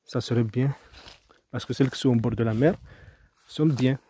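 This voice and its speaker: In a casual farm vlog, a Mahoran French-accented man from Mayotte rambles hesitantly about his crops outdoors, restarting many times. His voice is mid-range and dark, at a moderate pace, with a little hiss or hum on the recording.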